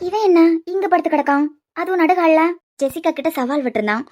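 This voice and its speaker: A woman's voice: high-pitched, lively intonation, fast talker, darkish tone, faint music behind. A woman voicing a scheming stepmother villain in a cartoon series, muttering and gloating to herself with a Kanyakumari accent. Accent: Kanyakumari Tamil. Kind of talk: cartoon web series voice acting.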